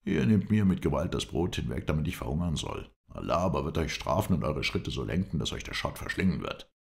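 A man's voice: extremely low pitch, expressive, a little fast, creaky, full character voice. A man voicing a bitter, scheming male Bedouin guide who speaks in a resentful, accusing way in an audiobook reading.

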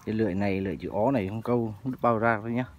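A man's voice: fairly low pitch, steady tone, racing, darkish tone, highs cut off. A man chatting to his viewers while fishing for frogs outdoors in the fields. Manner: chatty, addresses viewers as family. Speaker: vlogger. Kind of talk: casual outdoor narration. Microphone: handheld phone or body camera. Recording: noisy outdoor field recording.

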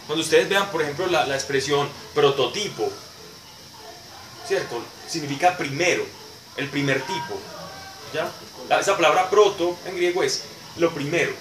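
Male Bible teacher explaining to a class, somewhat high voice, heard from a distance in an echoey, noisy room. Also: animated, normal speed, pauses often. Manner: explanatory, answers questions, repeats words for emphasis.

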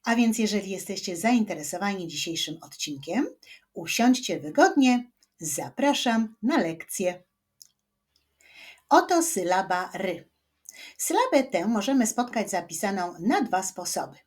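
A woman with a Polish accent teaching children to read, sounding out each syllable clearly. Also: medium pitch, very animated, a little slow, a little mellow. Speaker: reading teacher. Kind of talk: children's reading lesson.

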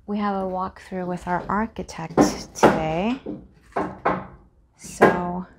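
Walking through her townhouse mid-renovation, a young homeowner vlogger narrates slowly in a fairly low voice, casual and chatty. She films indoors on a handheld phone, and loud music plus construction noise sit behind her voice.

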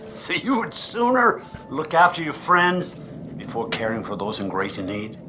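An actor playing a sinister middle-aged male therapist in a horror game, deliberate and theatrical, dropping into hushed tones. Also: on the high side, wildly swooping pitch, a little hiss or hum, full character voice. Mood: smug. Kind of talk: dramatic horror game acting. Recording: music under the voice.

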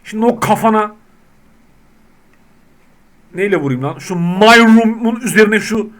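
High-voiced excitable gaming man. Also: a little slow. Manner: excitable, swears and shouts at game characters. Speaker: gaming YouTuber. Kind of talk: casual gameplay commentary.

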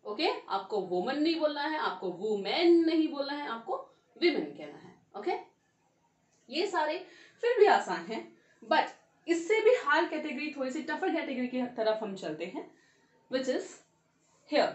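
An Indian-accented woman teaches grammar, switching between Hindi and English and spelling each word aloud. Her voice sits high and swings widely in pitch. She sounds a little far from the mic in an echoey room. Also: big pitch swings, measured pace, long pauses, muffled recording. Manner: mixes Hindi and English, spells words letter by letter, asks quiz questions. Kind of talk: grammar lesson.

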